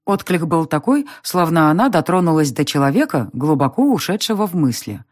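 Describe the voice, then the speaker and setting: A woman narrating an audiobook in a measured, expressive storytelling manner. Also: sits low, no echo, clean studio sound. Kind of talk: scripted narration.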